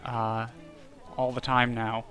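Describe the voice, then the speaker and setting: A man's voice: mid-range voice, level tone, slow, pushed and bright, soft background music. A man hosting a let's play who gives casual, joking commentary on the game. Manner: joking, offhand. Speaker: gaming host.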